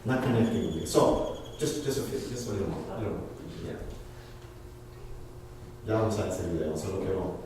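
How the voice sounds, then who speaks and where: A male pastor preaching a lively sermon, acting out the voices he quotes. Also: low-pitched, normal speed, long pauses, slight background noise. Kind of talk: bilingual sermon. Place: church hall. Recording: echoey hall from far off, faint ambience.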